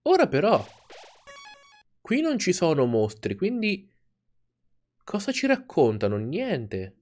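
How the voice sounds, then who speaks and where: Slow-talking man reacting to his game. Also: on the high side. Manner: animated reactions with laughter. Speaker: let's play host. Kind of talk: gaming commentary.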